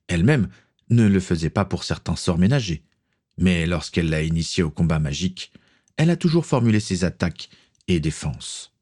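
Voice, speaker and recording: A male narrator reading a story aloud at a steady, measured pace. His voice is deep and husky. The delivery is even and unhurried. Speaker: audiobook reader.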